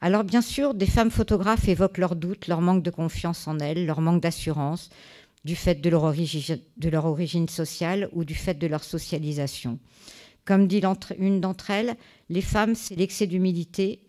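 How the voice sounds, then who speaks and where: A woman giving a conference talk, reading a prepared text in a measured way, with small fillers and restarts. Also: fairly low pitch, darkish tone. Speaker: conference speaker. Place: conference hall.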